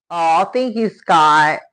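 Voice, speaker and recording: In her home kitchen, a lower-pitched woman with a fairly bright tone cooks and chats casually with live viewers. She was born in Spain to Cuban parents, moved to Florida at ten, and her manner is chatty and exclamatory, thanking viewers while she works.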